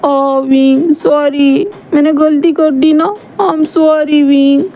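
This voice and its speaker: A woman's voice: high voice, normal speed, warm tone. A woman playing a drunk, weeping young man. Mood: drunk, tearful. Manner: tearful, rambling, repeats himself.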